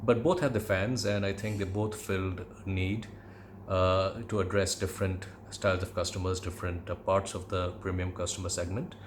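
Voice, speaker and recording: A middle-aged man from India with an educated Indian English accent, reminiscing in a conversational monologue with measured, hesitant phrasing. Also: deep voice, steady tone, slight background noise. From Calcutta, India. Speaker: podcast host, aviation commentator.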